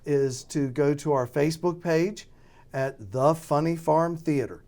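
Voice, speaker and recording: In an interview about producing radio drama, an American man thinks aloud in a casual, hesitant manner. He has a fairly high pitch and a darkish tone.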